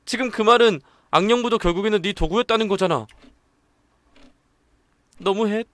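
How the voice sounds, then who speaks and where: A man voicing a hurt, tearful younger sister in a horror game, protesting in a shrill, wounded way. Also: normal speed, a bit bright, dry recording.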